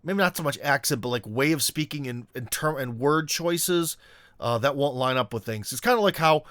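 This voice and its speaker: Rambling man, smooth dry voice. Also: mid-range voice, animated, normal speed, a bit bright, no room sound. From Ohio, USA. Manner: rambling, many fillers and restarts. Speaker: vlogger. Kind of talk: casual unscripted monologue.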